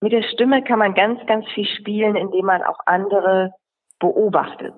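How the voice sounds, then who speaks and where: A woman's voice: medium pitch, normal speed, husky. A woman rhetoric coach answering interview questions, explaining at length and listing examples in runs. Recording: tinny phone-like line.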